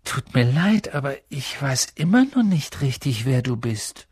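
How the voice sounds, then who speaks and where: A man's voice: mid-range voice, very animated, unhurried, darkish tone, husky, no echo, clean studio sound. A man voicing a polite, bewildered young boy in an audiobook reading. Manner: polite, unsure.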